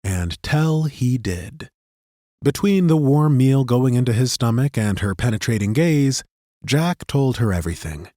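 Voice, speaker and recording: Here a man with a mid-range voice narrates a fantasy audiobook through a studio mic, his delivery measured and steady, and the recording carries no echo.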